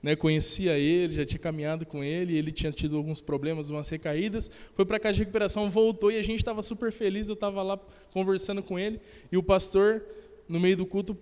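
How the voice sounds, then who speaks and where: A young Brazilian man giving an animated testimony during a church service, acting out the dialogue of his story. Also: sits high, fast talker, clean tone. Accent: Brazilian Portuguese. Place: church sanctuary. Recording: long church hall reverb.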